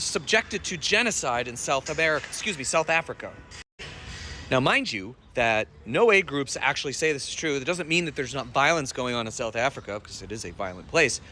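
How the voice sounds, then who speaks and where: A man's voice: a little high, sharp tone, slight background noise. A man giving wry, incredulous political commentary to the camera. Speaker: social media commentator.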